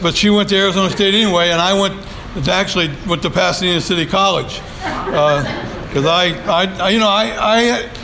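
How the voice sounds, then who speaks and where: This is a rough recording with a little hiss or hum: an older man with a high, slightly bright voice and vocal fry, giving a personal share at a support group meeting. He speaks into a handheld microphone in a meeting room, meandering and homespun, full of fillers.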